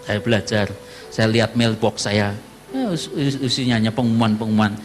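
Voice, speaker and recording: A pastor from Java preaching a sermon and telling a personal testimony, his voice jumping high when he quotes people, with frequent laughter. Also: brisk, faint music behind. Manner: storytelling, animated voice jumps high for quoted speech, laughs often.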